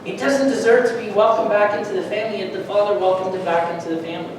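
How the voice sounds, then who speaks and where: Male pastor, high-pitched, emphatic sermon delivery; very echoey hall, recorded from afar. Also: fast talker, noisy background. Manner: animated, rising to emphatic peaks, rhetorical questions. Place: church hall. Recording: echoey church hall, far from mic.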